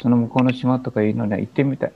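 A man in his seventies speaking slowly and thoughtfully as an interview guest over a video call. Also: mid-range voice, fairly even intonation, vocal fry, a little hiss or hum. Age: 70s. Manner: slow, halting, thoughtful. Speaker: guest teacher. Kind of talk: reflective interview talk. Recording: dull lo-fi video call audio.

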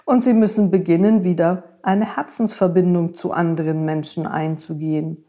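A woman voicing a wise, gentle horse who speaks tenderly and reassuringly to a young friend. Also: on the low side, steady tone, normal speed, lightly acted.

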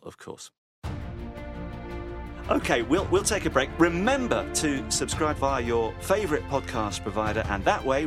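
A man hosting a golf podcast in an upbeat, jovial way. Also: on the low side. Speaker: podcast host.

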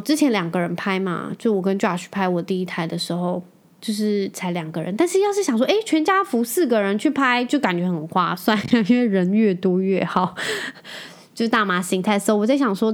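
A woman in her thirties talks casually on her own podcast. She tells a family story with animated, chatty energy and playfully acts out the voices of the people she quotes. Her voice sits at an ordinary middle pitch for a woman. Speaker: podcast host. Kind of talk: casual solo chat.

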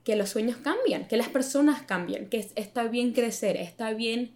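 A young adult woman from Miami talks casually as a guest. Her voice sits a bit high, and she mixes English words into her Spanish, circling through fillers as she explains herself. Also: moderate pace, a little mellow. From Miami, United States. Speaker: interview guest, premed student. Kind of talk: casual chat.

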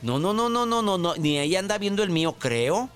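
A man hosting a call-in advice radio show, lively and chatty with joking asides. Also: high voice, brisk, smooth, soft background music. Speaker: radio show host, psychologist.

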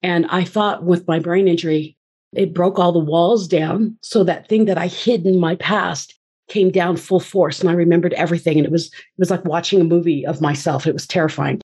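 A woman's voice: on the low side, steady tone, normal speed, a little mellow, husky. A woman speaking as a podcast guest, earnestly and reflectively telling her personal story and acting out her inner voices.

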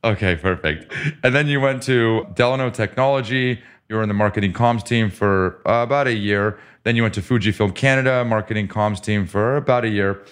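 A low-pitched man hosting a casual podcast interview. He talks in an upbeat, joking way and reads through his guest's career at a brisk clip. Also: fairly bright tone, clean tone. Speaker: podcast host.

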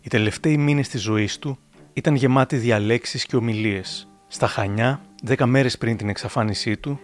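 A man in measured scripted narration for an audio documentary. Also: medium pitch, soft background music.

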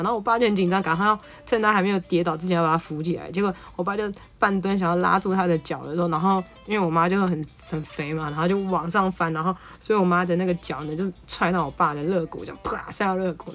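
A woman psychologist, telling a family story and reading a picture book aloud in a lively, laughing way. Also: lowish voice. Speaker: psychologist podcast host.

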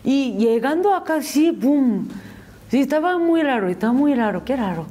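A woman's voice: high voice, lively intonation, normal speed, mellow. A young Korean woman with a Korean accent, speaking Spanish as a second language in a casual interview, with many restarts and repeated words. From South Korea. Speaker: interview guest.

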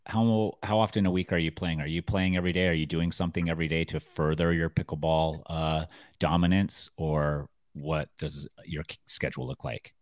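A man with a very deep voice co-hosts a casual chat. He talks loosely, joking and filling with "like". The recording is dry and close-miked. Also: level tone, moderate pace, no room sound. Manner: loose, joking, heavy use of "like". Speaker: podcast co-host.

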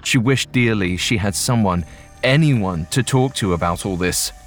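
Man reading a ghost story, deep-ish voice, slow and measured, soft music under it. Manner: measured and suspenseful. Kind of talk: scripted dramatic narration of a ghost story. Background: faint music.

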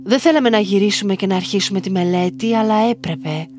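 A woman tells a listener's story in the first person, reading a script at an unhurried, even pace. Her voice sits in a middle pitch. Soft music plays faintly beneath her.

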